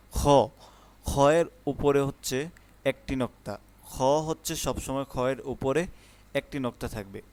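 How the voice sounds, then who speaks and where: A man teaching the Arabic letters in an online lesson, explaining each one patiently and then calling it out loudly and drawn out. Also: medium pitch.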